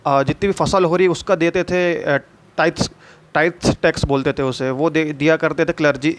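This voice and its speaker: A man's voice: fairly high pitch, steady tone, normal speed, background noise. Man teaching history, asking himself questions. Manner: conversational, asks and answers his own questions; mixes in English terms, many restarts. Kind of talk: explaining a history lesson.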